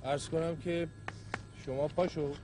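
A man's voice: on the high side, fairly even intonation, noisy background, natural voice. An actor playing a middle-aged man who poses as an airline captain, polite but bossy, repeating courtesies.

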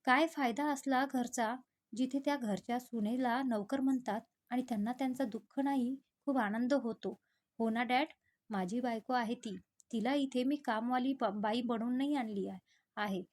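A woman voicing a protective, quick-tempered young husband who talks in heated, drawn-out pleas. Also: fairly high pitch, lightly acted. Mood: angry.

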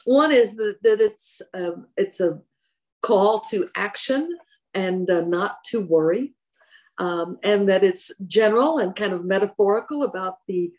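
Older woman, home devotional reading and reflection, webcam sound, steady then conversational. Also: medium pitch, a little slow. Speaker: church devotional speaker. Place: home room indoors. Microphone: webcam at desk distance.

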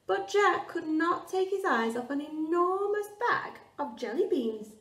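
Teacher reading a story to kids. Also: female voice, very high-pitched, lively intonation, unhurried, fairly bright tone, far from the mic. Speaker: primary school teacher. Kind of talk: storybook read-aloud for children. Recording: roomy echo, off-mic.

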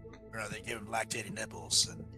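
A man's voice: fairly low pitch, steady tone, fast, over music. A man chatting casually as a player in a tabletop fantasy game, slipping in and out of character. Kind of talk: casual in-character play and banter.

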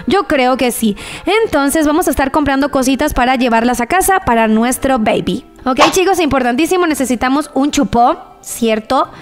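A woman's voice: high voice, moderate pace, over music. A young woman giving bubbly, gushing commentary on a mobile game, using many diminutives and talking straight to her viewers. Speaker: gaming YouTuber.

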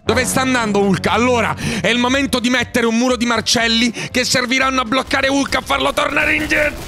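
Hyper high-voiced man commenting gameplay. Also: steady tone, fairly quick, vocal fry, faint music behind. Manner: loud, hyper, shouting and sing-song outbursts. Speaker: gaming YouTuber.

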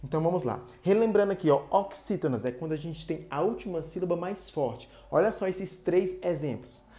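A woman with a Brazilian Portuguese accent teaching a short, didactic online grammar lesson and slowly drawing out the syllables of example words. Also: fairly low pitch, dark tone.

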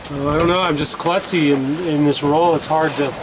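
A man in his fifties vlogging alone from his sailboat at sea, talking in a relaxed, rambling way and often correcting himself. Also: on the high side, fairly quick. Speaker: solo sailor vlogging. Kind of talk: casual video diary. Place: outdoors on a sailboat cockpit at sea. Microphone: handheld camera at arm's length. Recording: windy outdoor camera audio with sea noise. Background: wind and water noise.

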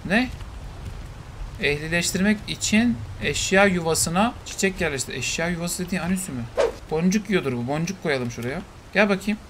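High-voiced joking gamer man. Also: normal speed, background noise. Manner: joking, slangy, excitable. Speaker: gaming YouTuber. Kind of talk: casual gameplay commentary.

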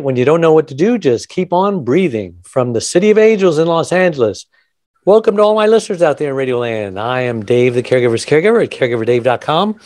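A man's voice: fairly high pitch, a little mellow, no room sound, studio quality. A man hosting a radio-style podcast interview, talking in a chatty, upbeat promo patter. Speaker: podcast host.

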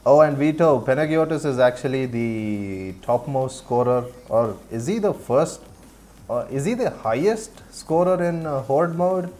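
A man's voice: mid-range voice, animated, measured pace, darkish tone. A man with an Indian accent chatting casually with viewers as he streams, laughing often and answering chat as he plays. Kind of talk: casual gameplay commentary.

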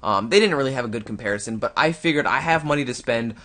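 Quick-paced and lively, a young man from Canada with a medium-pitched, slightly bright voice gives off-the-cuff gameplay commentary. As a gaming YouTuber doing a let's-play, he speaks close to the mic to himself and his viewers.

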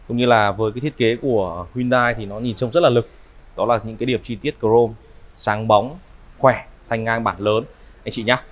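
A man in his thirties with a northern Vietnamese accent gives an unscripted used-car sales walkaround in smooth, polite, repetitive patter. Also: lowish voice. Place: large indoor car showroom. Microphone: clip-on lapel mic.

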